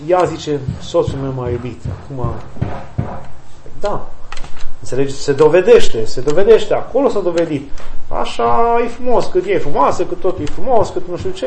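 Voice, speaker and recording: Man with a high voice, a priest answering audience questions in an emphatic, repetitive preaching manner, faint hiss behind. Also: a little mellow, rough recording. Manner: emphatic, repeats key phrases.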